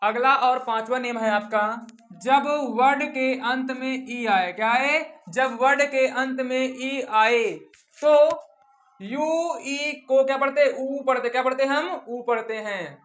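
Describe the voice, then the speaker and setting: A man's voice: very high voice, measured pace, a bit bright. A male teacher with a Hindi accent giving an English pronunciation lesson, repeatedly asking his students questions and answering them himself.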